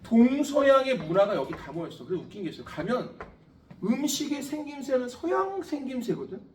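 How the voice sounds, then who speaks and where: Extremely high in pitch with big swings, a man speaks a little fast as he lectures his cram-school science students. He's blunt, swears, jokes and keeps quizzing them. Expect slight background noise, an echoey room and a far-off mic.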